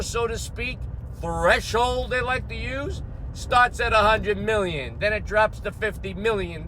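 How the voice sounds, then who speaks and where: Brash high-voiced man with a Queens accent. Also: sharp tone, slight background noise, low-quality recording. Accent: Queens New York. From Queens, New York, United States. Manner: brash, profane, emphatic. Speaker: host of a finance commentary channel. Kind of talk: unscripted political rant to camera.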